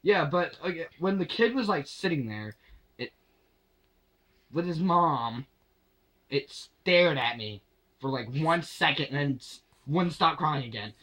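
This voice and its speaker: A man's voice: fairly high pitch, expressive, measured pace, long pauses, bright, forceful tone, rough recording. A young man casually telling a story to camera, swearing and acting out his own exasperated lines. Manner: swearing, exasperated retelling with acted-out quotes. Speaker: vlogger.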